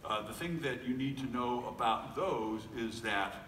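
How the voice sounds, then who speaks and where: Here the same kind of speaker, a middle-aged American voice actor, takes an unhurried pace in a mid-range, fairly bright voice. He jokes at his own expense before a convention crowd, full of fillers and false starts, in a distant, reverberant hall recording with faint noise.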